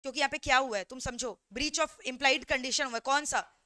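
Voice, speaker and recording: Brief: a woman law tutor, lively storyteller who keeps asking if students follow, bright voice, dry close sound. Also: high-pitched, moderate pace, dry recording. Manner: mixes in English phrases. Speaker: law teacher. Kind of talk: animated revision lecture.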